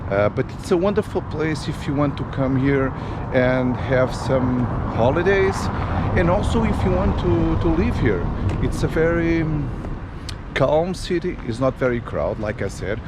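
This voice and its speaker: A man's voice: fairly high pitch, animated. Man vlogging on city streets. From Portugal. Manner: unhurried, many fillers and restarts. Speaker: travel vlogger. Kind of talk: casual walking tour vlog. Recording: street noise in background.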